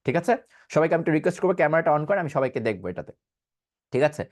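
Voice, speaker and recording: A man's voice: a little high, sing-song, racing. A man giving an online pronunciation class, asking questions and answering them himself, and demonstrating sounds. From Bangladesh. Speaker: pronunciation teacher.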